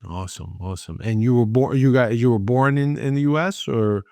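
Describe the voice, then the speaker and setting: A man's voice: mid-range voice, a little fast, warm tone, dry recording. A man hosting a podcast, asking friendly, rambling questions full of fillers. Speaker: podcast host. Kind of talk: casual interview chat.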